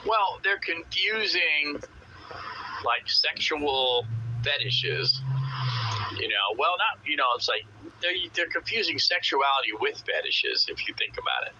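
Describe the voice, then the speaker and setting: A man's voice: a little high, big pitch swings, measured pace. A man chatting casually over CB radio, opinionated and emphatic, rambling along with coarse swearing. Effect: CB radio transmission. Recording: muffled noisy CB radio transmission.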